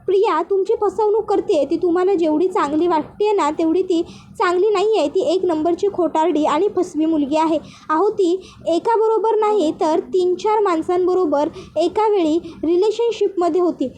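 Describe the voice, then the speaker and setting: A woman's voice: very high-pitched, normal speed, dark tone, a little hiss or hum. A woman voicing a young married woman, a blunt and insistent sister-in-law, in an earnest, pleading reading voice.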